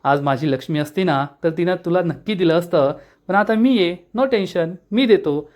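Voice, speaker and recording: A man's voice: high voice, moderate pace, close to an everyday voice. A man reading the lines of a stern, protective older father-in-law.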